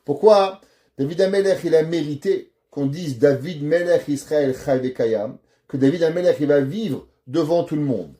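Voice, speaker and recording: High-voiced rabbi telling a story. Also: male voice, moderate pace. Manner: animated storyteller who acts out dialogue. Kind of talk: Torah lesson with storytelling.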